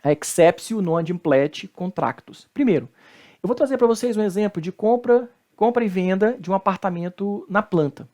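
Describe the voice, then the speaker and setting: Sitting high and mellow, this man's voice carries a Brazilian Portuguese accent as he delivers a recorded law lecture. He works through the material step by step, often using tag questions and slowing for Latin terms.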